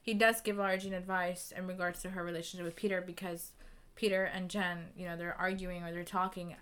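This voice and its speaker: A young woman co-hosts a podcast about books, retelling scenes at length in a chatty way full of "like" and "you know." Her voice is fairly low with little pitch movement, brisk and a bit bright.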